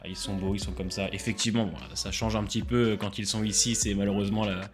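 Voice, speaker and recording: A man's voice: lowish voice, fast, faint music behind. Tired, chatty man with a webcam. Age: late 20s. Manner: chatty, animated, self-mocking. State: tired from a late night. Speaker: food reviewer. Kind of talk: casual food-tasting vlog.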